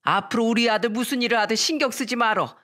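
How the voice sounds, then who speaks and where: A woman's voice: on the high side, fast talker, fairly bright tone, natural voice. A woman voicing a bossy older mother-in-law who scolds and threatens in a dramatized story reading. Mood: scolding.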